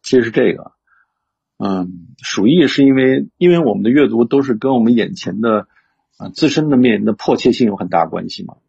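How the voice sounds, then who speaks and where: A man's voice: mid-range voice, animated, brisk, vocal fry, mellow, slightly rough. A man talking reflectively in casual conversation, with many fillers and restarts. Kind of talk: casual conversational discussion about books. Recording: dull lo-fi sound.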